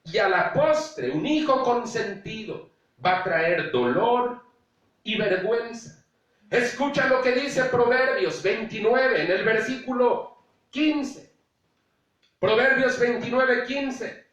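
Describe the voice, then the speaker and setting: A male pastor delivers a deliberate, unhurried sermon in a very high voice. He is heard from some distance across a big, booming, echoey space. Now and then he slips into quoted asides from indulgent parents. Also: animated, fairly bright tone. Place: church. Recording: very echoey room, distant mic.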